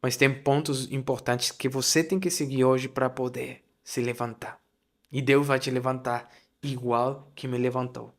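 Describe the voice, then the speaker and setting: A man's voice: medium pitch, little pitch movement, measured pace. Emotional man giving a faith testimony. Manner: emotional, repeats key phrases for emphasis. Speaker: podcast host. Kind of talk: faith-based testimony and advice.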